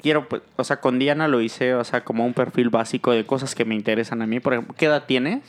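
A man's voice: medium pitch, steady tone, fast talker. A young Mexican man hosting a podcast in casual chat, joking and slangy, trailing off with fillers. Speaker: podcast host.

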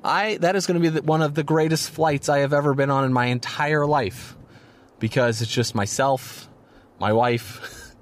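A man in his thirties hosts his own podcast alone, rambling casually with plenty of fillers and self-deprecating jokes, worn out from too little sleep. His voice is fairly high and steady, at a normal speed. A slight hiss or hum sits under the recording.

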